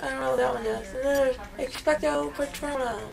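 Groggy, high-voiced young woman after wisdom teeth removal. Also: fairly even intonation, fairly quick, creaky. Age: young adult. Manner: rambling, childlike. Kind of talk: casual chat. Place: small dental clinic recovery area, indoors. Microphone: handheld camera at close range.

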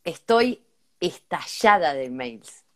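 A woman's voice: low-pitched, very animated, slow, fairly bright tone. An Argentine woman co-hosting a casual comedic chat, reading listener emails aloud with joking asides. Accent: Argentine Spanish. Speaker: podcast co-host.

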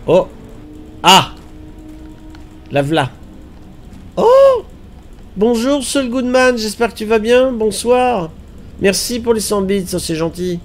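Slow, congested man streaming a game. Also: high voice, faint music behind. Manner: relaxed, chatty, thinks aloud and repeats words. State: slightly congested, stuffy nose. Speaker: streamer playing a survival game. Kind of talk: casual live-stream commentary.

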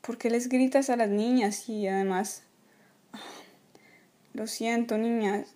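A woman voicing a gentle, worried toy mother who speaks softly and soothingly in a toy play video. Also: on the high side, fairly even intonation, takes it slowly. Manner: soft, soothing, apologetic.

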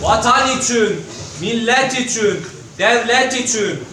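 A man playing a village town crier on stage, calling out a drawn-out proclamation of war to the people. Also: very high voice, expressive, loud music behind the voice, full character voice. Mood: solemn proclaiming. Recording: echoey noisy hall from far off.

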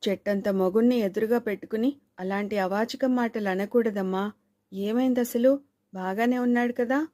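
A woman's voice: on the high side, normal speed, dark tone, natural voice. A woman reader voicing a nosy older village aunt who questions and lectures, her voice raised. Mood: questioning.

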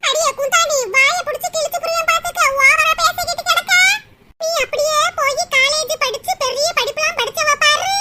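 A woman's voice: extremely high pitch, fairly even intonation, brisk. Woman doing a nagging old village grandmother. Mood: furious. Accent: southern Tamil Nadu rural. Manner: loud, nagging, scornful. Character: scolding old village grandmother, sharp-tongued and meddling. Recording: loud background noise.

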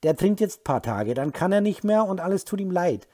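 A man voicing a worried young woman in an audiobook, raising his husky voice and pressing hard. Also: sits high, big pitch swings, normal speed, mellow, voice pushed up. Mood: reassuring. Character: worried young woman defending her drinking partner. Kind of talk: audiobook character voice.

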